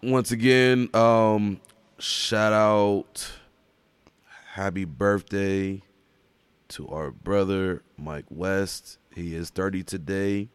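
A man hosting a casual podcast, hoarse from a cold, bantering loosely with laughter and swearing. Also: deep voice, steady tone, drawn-out words, no room sound. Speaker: podcast host.

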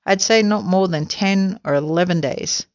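A woman's voice: on the low side, normal speed, natural voice. A nasty, scheming storybook husband, as a woman reader puts him on. He is taunting and gleefully menacing. The sound is slightly dull. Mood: mock solemn. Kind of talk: children's storybook reading.

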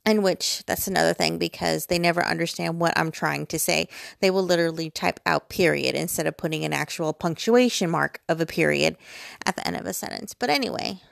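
Lying in bed in her bedroom, a forty-something American vlogger talks in a rambling, digressive, self-deprecating personal chat. She sounds gravelly, lowish and fairly quick, with studio-quality audio and no echo.

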